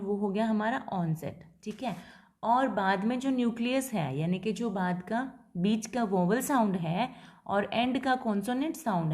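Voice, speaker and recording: A woman teaching English linguistics, explaining in Hindi mixed with English terms and reading English definitions out slowly, often checking that students follow. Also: mid-range voice, darkish tone. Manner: keeps checking in with the class, repetitive and patient. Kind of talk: lecture explaining syllable structure.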